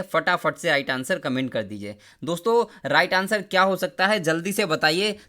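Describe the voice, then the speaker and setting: A man's voice: sits high, pushed and bright. A young man teaching an exam-prep lesson on a live stream, quizzing viewers and urging them again and again to comment their answers. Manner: coaxing, repeats phrases, keeps urging viewers to comment.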